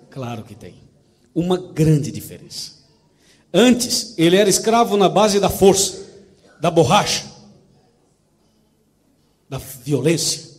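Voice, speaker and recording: A man preaching, telling a parable and asking the congregation questions. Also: a little high. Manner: animated storytelling with rhetorical questions. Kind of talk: sermon with a storytelling parable.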